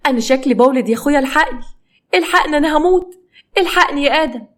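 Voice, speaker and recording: A woman with an Egyptian accent voicing a pregnant young wife who fakes labor and pleads with her husband in a raised, high voice. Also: racing, fairly bright tone. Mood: wailing. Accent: Egyptian Arabic. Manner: wailing, pleading, high-pitched.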